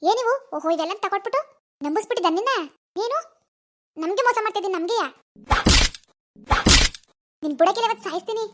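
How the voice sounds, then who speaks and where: A woman voicing a furious village mother who scolds her teenage daughter in rapid, shrill bursts full of insults. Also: expressive, very noisy. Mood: angry scolding.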